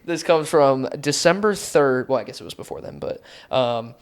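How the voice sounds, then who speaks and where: A man's voice: mid-range voice, expressive, normal speed, clear, resonant tone. A young man co-hosting a casual podcast, chatting loosely and breaking into giggles as he reads aloud. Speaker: podcast co-host. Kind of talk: casual chat.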